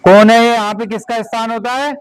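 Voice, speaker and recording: Male teacher, high voice, brisk repeated classroom instructions. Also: fairly even intonation, clean tone, no echo, low-quality recording. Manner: directive, repeats short commands.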